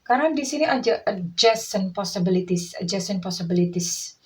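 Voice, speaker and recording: A woman giving a tarot reading who calls herself Bunda and calls the listener darling, guiding a relaxation exercise in a soft, coaxing way that repeats words. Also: medium pitch, animated, moderate pace, rough recording. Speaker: tarot reader.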